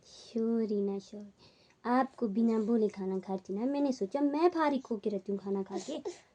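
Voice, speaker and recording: A woman's voice: fairly high pitch, measured pace, warm tone. A young woman with a head cold, chatting casually to viewers as a family vlogger at home. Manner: chatty, talks straight to viewers. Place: home, indoors.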